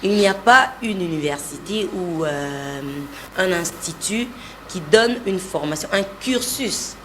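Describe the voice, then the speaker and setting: A woman's voice: on the low side, expressive, measured pace, fairly bright tone, slight background noise. A woman, a voice-over artist, explaining her craft steadily and confidently in an interview. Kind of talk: interview conversation.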